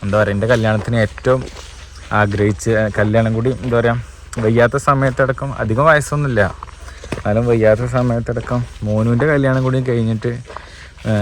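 A man's voice: lowish voice, fairly even intonation, quick pace. A man, vlogging casually about a family visit and speaking to his viewers. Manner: chatty, addresses viewers as guys. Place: family home visit with relatives around. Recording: noisy with a crowd of relatives behind.

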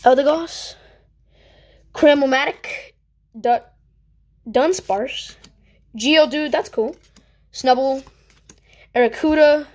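A woman vlogging casually as she opens trading cards, chatty and excitable, swinging quickly between groans and cheers. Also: sits high. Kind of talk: casual unboxing chat.

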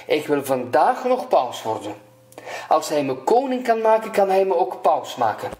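A man's voice: fairly high pitch, very animated, normal speed, a little mellow, reverberant. A man voicing a greedy, domineering fisherman's wife who gives orders. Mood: demanding. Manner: bossy, demanding.

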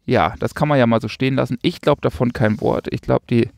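Gravelly, sarcastic man on a podcast. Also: medium pitch, brisk, no room sound, studio quality. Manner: sarcastic, rambling with many fillers. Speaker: podcast co-host. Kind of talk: casual chat.

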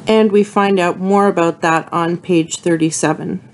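A woman reading passages from a novel aloud and summarizing the chapters as a teacher, unhurried, with frequent ums between passages. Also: fairly low pitch, steady tone, background noise.

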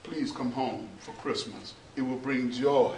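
A middle-aged male pastor preaching a sermon in a small church. He preaches slowly and builds to shouting, half-sung peaks. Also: mid-range voice, slight background noise. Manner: slow, preachy, rises to shouting and half-singing. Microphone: far camera, no mic seen. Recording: roomy church echo from far off.

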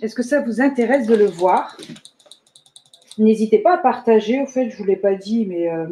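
A woman's voice: medium pitch, animated, fairly quick, warm tone. Chatty woman from France hosting a casual live demo, laughs often, corrects herself. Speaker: host of a live product demo. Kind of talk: casual live stream chat.

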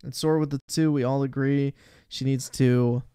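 A man's voice: mid-range voice, steady tone, moderate pace, mellow, smooth, dry recording, studio quality. A young man streaming live, reacting to videos with profane, slangy, scornful commentary.

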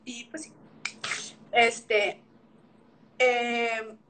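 A woman's voice: on the high side, little pitch movement, very slow, fairly bright tone. A young woman with a Mexican accent, telling her story in a casual video chat and acting out remembered dialogue. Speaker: guest, former figure skater. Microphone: video call.

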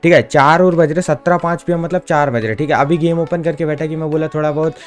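Faint music plays behind a young man who chides his friend during a relaxed gaming vlog, dropping "bhai" and "yaar" again and again. He talks quickly in a fairly high, steady voice.

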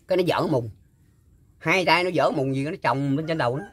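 Older man, halting. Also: a little high, a little hiss or hum. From Mekong Delta, Vietnam. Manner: halting, full of fillers and repeats. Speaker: guest storyteller. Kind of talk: casual spoken recollection.

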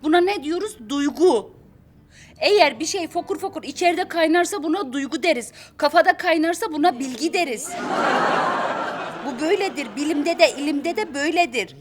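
A woman's voice: high-pitched, expressive, normal speed, a little hiss or hum. An actress playing Abiye, a talkative, theatrical middle-aged wife who mangles her words, in a sitcom. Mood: lecturing. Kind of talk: sitcom acting. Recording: audience laughter behind. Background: studio audience laughing.

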